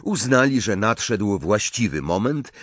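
A man reading an audiobook in a measured, expressive narration. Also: fairly low pitch, breathy edge, dry recording. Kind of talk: scripted narration. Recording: dry close studio sound.

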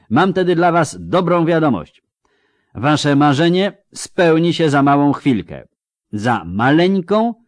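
A man's voice: medium pitch, dry recording, clean studio sound, voice pushed up, lightly acted. A man voicing a crude, sarcastic army commander who mocks and bellows orders at his foot soldiers in an audiobook. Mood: mocking. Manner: mocking, coarse, barking orders. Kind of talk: audiobook character voice.

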